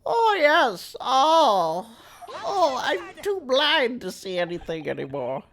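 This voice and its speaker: A woman voicing a fussy elderly male witness from a courtroom game, in a drawn-out, quavering old man voice. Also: high-pitched, very animated, fairly bright tone, a little hiss or hum, pitched above the performer's own voice, exaggerated voice. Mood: doddering.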